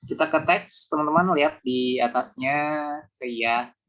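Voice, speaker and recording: A man teaching a beginners' Mandarin class online, explaining patiently and slowing down to repeat examples. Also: medium pitch, a bit bright. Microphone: video call. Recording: muffled video call audio.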